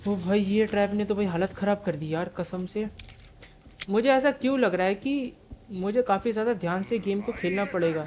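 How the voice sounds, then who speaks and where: A young man giving live gameplay commentary for his gaming channel. He jokes and swears constantly and yells in panic during fights. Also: high voice, moderate pace, a little hiss or hum. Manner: excitable, swears constantly, jokey banter.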